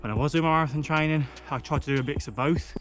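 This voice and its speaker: A man's voice: a little high, fast, soft background music. A man talking casually to camera while out running a trail, audibly out of breath. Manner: chatty, talking mid-run. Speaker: running vlogger. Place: outdoors on a trail.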